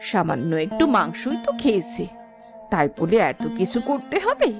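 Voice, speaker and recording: A woman's voice: mid-range voice, wildly swooping pitch, normal speed, music in the background. A woman voicing a gossipy village neighbour in a cartoon, prying and teasing. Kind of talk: cartoon voice acting.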